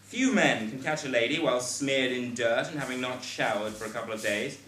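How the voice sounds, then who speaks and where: A man's voice: mid-range voice, brisk, bright, forceful tone, close to an everyday voice. A man playing a pompous, sarcastic pantomime narrator, telling the story in a mock-grandiose way. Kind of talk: scripted stage pantomime narration. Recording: echoey noisy hall recording.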